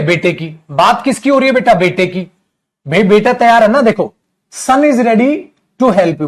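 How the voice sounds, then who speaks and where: A man with a very high-pitched voice teaches English grammar in an online coaching class. He's lively, calls his students "beta," and answers his own questions.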